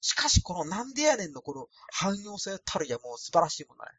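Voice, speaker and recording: Rambling Osaka man with a thin, husky voice. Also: sits high, big pitch swings, fast, fairly bright tone. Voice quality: thin, light voice. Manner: rambling, self-deprecating and casual. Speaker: podcast host. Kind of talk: solo podcast monologue. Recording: dry, no added echo.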